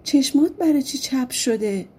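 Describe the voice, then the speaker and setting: A woman voicing a young prince who asks bewildered questions in a gentle, surprised way. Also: high-pitched, expressive, breathy edge, voice pushed up, heavily acted. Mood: puzzled.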